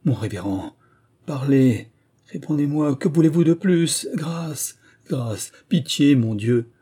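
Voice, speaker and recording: A man's voice: medium pitch, moderate pace, mellow, breathy edge, close to an everyday voice. A man reading aloud, voicing a dying old king who gasps and begs for air. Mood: desperate. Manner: gasping, desperate cries.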